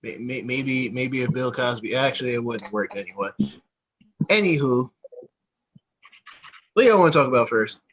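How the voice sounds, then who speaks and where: A man's voice: mid-range voice, expressive, normal speed, long pauses, a bit bright, breathy edge, poor audio. A man co-hosting a casual podcast chat, joking and steering the topics. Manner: laid-back, joking, leads the topics. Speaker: podcast co-host.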